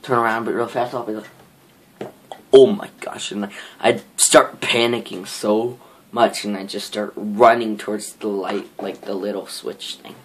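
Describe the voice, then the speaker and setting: Slow-talking, jittery young man vlogging. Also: on the low side, fairly even intonation, a bit bright. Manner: jittery, easily frightened, rambling with fillers. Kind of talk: casual vlog reaction. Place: indoors at home, in a dim room. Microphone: handheld camera mic.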